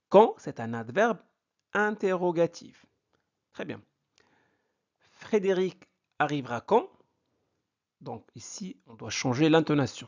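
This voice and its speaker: A man teaching a grammar lesson in a slow, deliberate way, repeating each example with exaggerated question intonation. His voice sits fairly high and swings widely, with a gravelly edge. The recording is dull and lo-fi. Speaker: French teacher.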